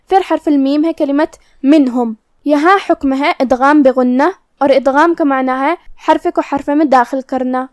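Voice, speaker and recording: A woman's voice: high-pitched, a little mellow, no room sound, clean studio sound. A woman teaching Quran recitation rules, explaining each letter and pronunciation step by step in a patient, methodical way. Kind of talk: tajweed lesson with slow recitation.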